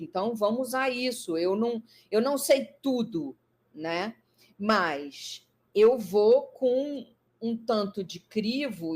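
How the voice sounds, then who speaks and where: A woman, a psychologist in a live interview, explaining her ideas thoughtfully with frequent fillers. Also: medium pitch.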